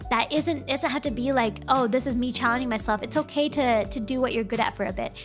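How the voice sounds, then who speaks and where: Faint music runs under a casual stream where a woman VTuber, her pitch fairly high and pace fairly quick, chats in a slightly broken voice. Her talk rambles as she keeps replying to chat.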